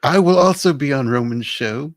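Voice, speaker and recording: A man in his late thirties hosts a livestream with casual chat, his medium-pitched, expressive voice slow and easygoing, signing off with "y'all." The recording is dry and studio-clean.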